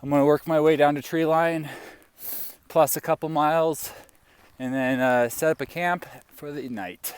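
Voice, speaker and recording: A man's voice: a little high, moderate pace, clear, resonant tone, dry recording. A man talking casually to his camera while hiking a mountain trail, rambling with lots of fillers, outdoors with rain and hail around him. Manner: relaxed, rambling, with many fillers. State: a little out of breath. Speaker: thru-hiker vlogger. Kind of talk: casual trail vlog narration. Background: light rain, wind and hail.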